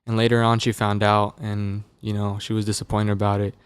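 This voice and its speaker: A young musician from Las Vegas, USA, speaks briskly as a podcast guest, rambling through relaxed, loose stories stuffed with fillers. His low, smooth voice stays fairly flat and even. A close, dry dynamic studio mic captures this casual interview chat with no room sound.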